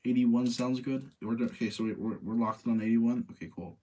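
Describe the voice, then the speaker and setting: In a mellow mid-range voice with a steady tone, a man talks fairly quickly as host of a live movie-rating chat. He keeps it casual and opinionated, going back and forth with himself and repeating phrases to emphasize them.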